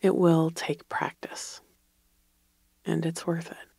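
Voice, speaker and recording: Whispered meditation guide, gravelly and breathy, slow and calm. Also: mid-range voice, no room sound, studio quality. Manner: slow soothing whispered guidance.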